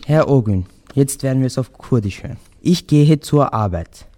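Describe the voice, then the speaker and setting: A sixteen-year-old boy from Vienna, Austria, hosts a school radio interview, reading formal introductions and questions aloud. His male voice is medium-pitched, expressive and warm, at a normal speed.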